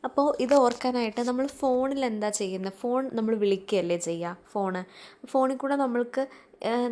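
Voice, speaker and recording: A woman's voice: a little high, a little mellow. A woman with a Malayali accent teaching an exam-prep lesson, explaining step by step and often checking in with her listeners.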